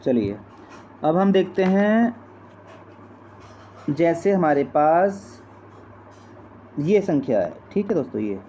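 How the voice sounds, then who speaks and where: A man's voice: a little high, big pitch swings, slow pace, pauses often, dark tone. A man teaching a slide-based maths lesson, patient and repetitive, often addressing viewers as friends. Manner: patient, repeats steps and keeps addressing friends. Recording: dull lo-fi sound with faint noise.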